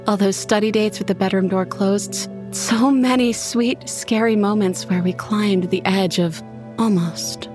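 A woman reading a first-person horror story in an intimate, expressive way. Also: mid-range voice. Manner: intimate, expressive, voices her own character's lines. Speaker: narrator.

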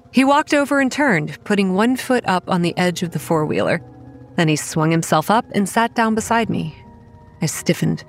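In this horror audio drama, a young campground manager narrates her own story, played by an actress as wary and on edge. The voice is female, fairly low, and natural.

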